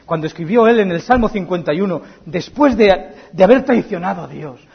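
A high-pitched, husky male preacher with a Spain Spanish accent delivers an impassioned sermon. He swings between ringing emphasis and hushed, intimate near-whispers. The recording sounds dull and lo-fi. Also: animated, a little fast.

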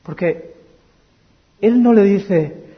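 Impassioned high-voiced preacher from Spain. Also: male voice, drawn-out words, slightly rough, lo-fi sound. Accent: Spain Spanish. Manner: impassioned, swinging from loud emphasis to hushed near-whisper. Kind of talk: sermon.

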